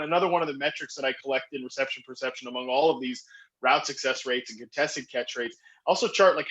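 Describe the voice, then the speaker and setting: This podcast guest is a fantasy football analyst, a man of medium pitch who races along enthusiastically, full of fillers and frequent restarts. The audio quality is poor.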